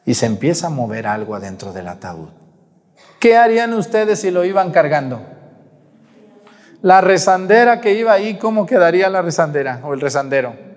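A man preaching a sermon, retelling a Gospel story in a lively way and putting questions to his listeners. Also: a little high, normal speed. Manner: storytelling, animated, asks the audience questions. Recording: long hall reverb.

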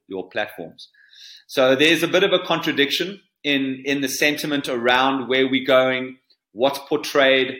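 A man with a South African accent, a surf coach being interviewed, talking in an animated, emphatic way and repeating phrases for effect. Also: medium pitch, reverberant. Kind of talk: podcast interview.

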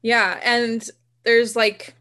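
A woman's voice: a little high, flat delivery, very slow, bright, forceful tone. A woman, casually chatting as a podcast co-host, rambling and laughing often. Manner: enthusiastic about marine biology. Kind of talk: casual chat.

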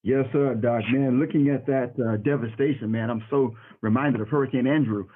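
A middle-aged radio host who also serves as a pastor interviews a guest with casual, gushing, brotherly warmth, often saying the same phrases again. He has a mid-range voice with fairly even intonation and a brisk pace. The muffled, phone-like radio audio carries a roomy echo plus a little hiss or hum.

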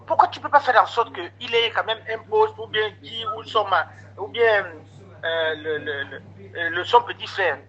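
A man with a high, bright, forceful voice tells a long story in a casual chat, acting out back-and-forth conversations as he goes. The recording sounds dull and lo-fi. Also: measured pace. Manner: animated retelling of conversations with many quoted exchanges.

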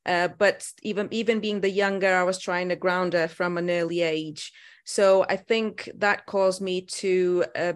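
A middle-aged woman from Portugal with a Portuguese accent, talking as a guest on a casual interview podcast, thoughtful and pausing often with fillers and restarts. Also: fairly low pitch, steady tone, smooth.

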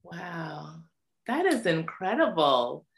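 A woman hosts an interview, thanking her guest in a halting, filler-heavy way. Her voice sits a little low. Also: big pitch swings, gravelly. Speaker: host. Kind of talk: casual interview.

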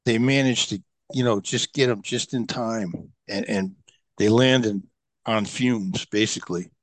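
A man's voice: lowish voice, measured pace, no room sound. Middle-aged man telling stories casually. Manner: rambling, many fillers and restarts. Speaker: podcast guest. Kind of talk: casual storytelling.

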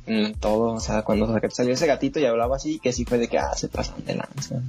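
Mexican man telling animated, joking stories. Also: mid-range voice, fast, soft background music. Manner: animated storyteller, joking and swearing. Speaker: podcast host. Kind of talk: casual chat.

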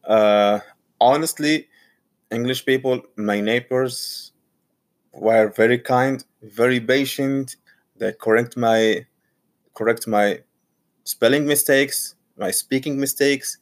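A Saudi man, a graduate student and teacher whose first language is Arabic, gives a casual personal monologue about learning English. His mid-range voice is halting, and he often repeats or restarts phrases.

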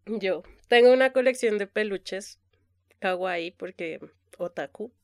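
A woman with a mid-pitched voice, recorded dry and close, chats casually as a podcast co-host. She is expressive and giggly, readily poking fun at herself. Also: slow pace, no echo. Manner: self-mocking, giggly, expressive.

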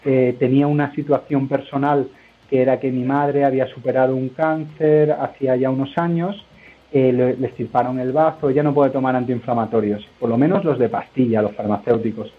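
In a brisk, husky, mid-range voice with fairly even intonation, a male entrepreneur from Spain answers an interviewer's questions. His talk meanders and hesitates, and the recording carries a narrow phone-line tone.

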